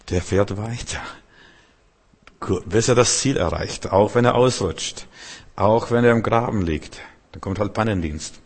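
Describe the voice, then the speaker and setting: A male preacher with a fairly low voice drives his sermon forward in emphatic, repeating phrases. Every line rings out with a long hall reverb. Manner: emphatic, repetitive, exhorting.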